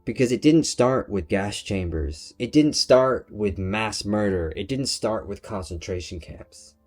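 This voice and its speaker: Low-voiced guy ranting to camera on his channel, emphatic and preachy, soft music under it. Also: animated, unhurried. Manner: emphatic, preachy, rhetorical questions. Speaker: channel host. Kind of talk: passionate solo commentary.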